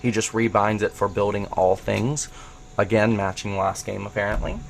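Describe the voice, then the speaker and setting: A man's voice: on the low side, normal speed, vocal fry, a little hiss or hum. A man hosting a casual commentary on a game replay, thinking aloud as he checks what the player does. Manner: thinks aloud, grows excited at findings. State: has the hiccups. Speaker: host analyzing a match replay.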